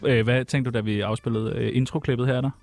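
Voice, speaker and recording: A man's voice: mid-range voice, steady tone, creaky, a little mellow, faint music behind. A man hosting a casual chat, teasing his guest and reading out prompts, laughing often. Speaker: podcast host.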